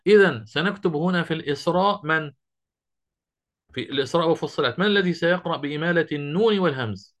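Bright-voiced man teaching a class. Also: fairly high pitch. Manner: questioning students, drawn-out quoting of verse. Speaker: Quran recitation teacher. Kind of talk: classroom lesson.

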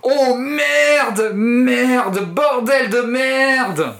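A man voicing an unhinged young male hitchhiker who taunts and shrieks in a high, strained voice. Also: fairly quick, breathy edge. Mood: shrieking. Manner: shrill, screeching outbursts.

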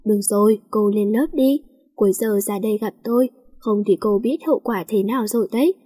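A woman's voice: medium pitch, fairly quick, mellow, husky, long reverb tail, close to an everyday voice. A woman voicing a cold, bossy male student who gives stern commands in a storybook reading.

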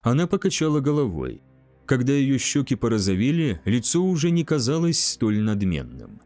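A man reading a fantasy story aloud as narrator, in a measured, unhurried way. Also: medium pitch, sing-song, darkish tone, faint music behind. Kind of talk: scripted audiobook narration.

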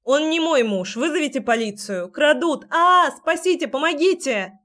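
A woman voicing a quick-tempered young woman who talks back sharply and indignantly. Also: fairly high pitch, expressive. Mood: panicked.

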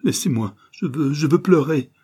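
A man's voice: on the high side, animated, normal speed, warm tone, slightly rough, voice pushed up. A man voicing a fevered, trembling young woman. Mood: exhausted. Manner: trembling, breaking into whispers.

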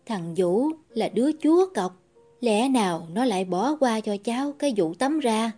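A man voicing a gentle, worried old grandmother who coaxes and pleads softly. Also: high voice, expressive, normal speed, soft background music, pitched above the performer's own voice. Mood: worried, coaxing. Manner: soft, coaxing, pleading.

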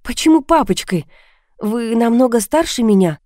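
A woman's voice: a little high, expressive, moderate pace, darkish tone, dry recording, pitched above the performer's own voice, natural voice. A frightened young woman pleads and argues in a strained, tense voice, as a woman reads her lines in an audiobook. The recording is close and dry, with no room sound. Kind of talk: audiobook reading.

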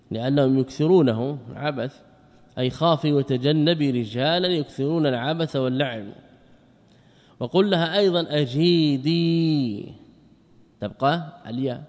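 Male teacher, middle pitch, quizzing the class, drawing out example words, long echo like a big hall. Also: darkish tone. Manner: quizzes students with quick questions and answers them himself; drills word forms slowly, stretching examples. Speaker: Islamic scholar teaching Arabic grammar. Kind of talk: classroom lecture explaining a grammar poem.

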